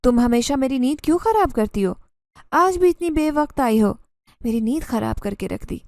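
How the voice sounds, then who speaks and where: A woman voicing a grumpy, sleepy male jinn who speaks gruffly and demandingly in an audio story. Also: sits high, lively intonation, darkish tone, no room sound, clean studio sound, pitched above the performer's own voice. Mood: irritated. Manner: irritated, gruff speech.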